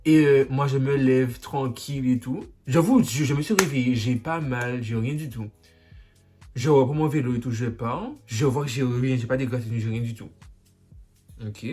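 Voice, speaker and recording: A man vlogger telling a story, animated and dramatic with sound effects. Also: medium pitch, normal speed, faint music behind. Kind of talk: storytime vlog.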